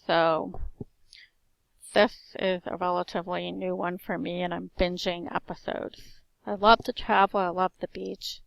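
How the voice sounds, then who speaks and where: A woman in her forties, a teacher, introduces herself at a measured pace in a lowish, creaky voice that is strong and carries, her S sounds slightly slurred. Her manner is a list of short, even phrases. The recording is rough, with no echo.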